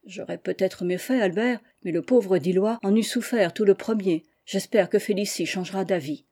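A woman reading the part of a gentle, sorrowful aristocratic mother who speaks softly and patiently, in a mellow voice. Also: mid-range voice, moderate pace, husky. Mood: soothing. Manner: soft, soothing, patient.

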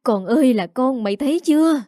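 Woman playing an older village mother, wailing, shrill cries, mellow dry voice. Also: fairly quick, dry recording, close to an everyday voice.

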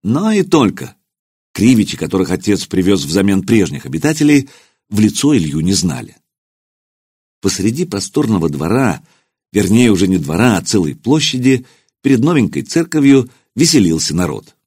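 Low husky male audiobook narrator. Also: sing-song, moderate pace, darkish tone, no room sound, studio quality. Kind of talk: scripted narration.

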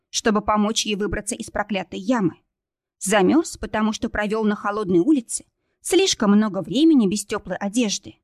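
A woman's voice: mid-range voice, darkish tone, no room sound, clean studio sound. A woman reading a novel aloud as narrator, in a tense, dramatic storytelling manner. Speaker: audiobook narrator.

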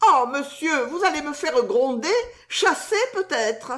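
A woman voicing a young female maid who is anxious and easily flattered, in an audiobook. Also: high-pitched, measured pace, voice pushed up. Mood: alarmed.

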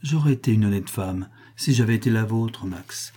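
A man's voice: on the low side, moderate pace, dark tone, slightly rough. A man reading aloud, voicing a proud, passionate young woman in an impassioned, raised voice. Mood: vehement.

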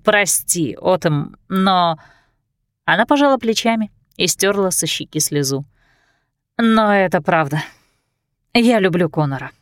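A woman's voice: fairly low pitch, expressive, unhurried, pauses often, no echo, studio quality. A woman voicing a young, emotional best friend in an audiobook, speaking in an earnest, pleading way. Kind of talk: audiobook character voice.

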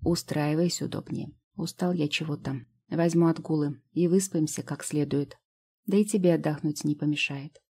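A woman voicing a caring young man who speaks calmly, firm but fond, in an audiobook. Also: low-pitched, moderate pace, slightly rough. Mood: tired. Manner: calm, firm then soft.

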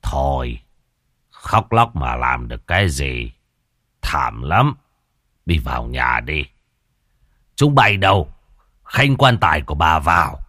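A harsh old landlord, bossy and overbearing, snaps orders at his household, as a man puts him on. His voice swings widely from a low grumble up to shouts. It sits close and dry. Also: big pitch swings, takes it slowly, few pauses, no room sound, exaggerated voice. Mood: haughty.

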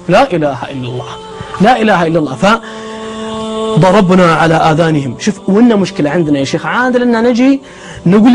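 A man giving a sermon, telling the stories with animation and asking rhetorical questions. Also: sits high. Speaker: preacher. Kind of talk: sermon-style lecture.

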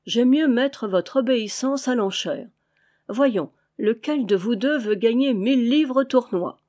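A woman's voice: on the high side, unhurried, a little mellow, pitched above the performer's own voice. A woman voicing a scheming male manor lord who bargains and pleads with his servants in a heated, desperate way. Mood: cold.

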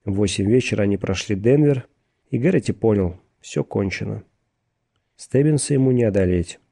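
Gravelly low-voiced male audiobook narrator. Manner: measured, steady reading.

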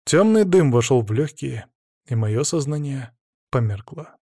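A man's voice: mid-range voice, expressive, unhurried, dark tone, husky, no echo, studio quality. Man narrating a fantasy audiobook.

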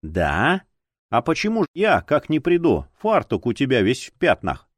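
A sharp-tongued older policewoman, put on by a male narrator, scolding and grumbling with dry sarcasm. She nags in a lowered, drawn-out voice, and the audiobook recording is close and dry. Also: wildly swooping pitch, no echo. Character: grumpy older policewoman, former chief.

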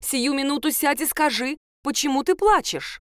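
A woman's voice: high-pitched, normal speed, dry recording, pitched above the performer's own voice, lightly acted. A woman voicing a stern older woman guardian who talks in a blunt, demanding way.

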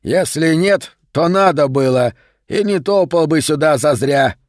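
A man voicing an irritable male bookseller who grumbles and scolds, pitched above his own voice and louder. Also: expressive, a little slow, no echo, clean studio sound. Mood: grumbling.

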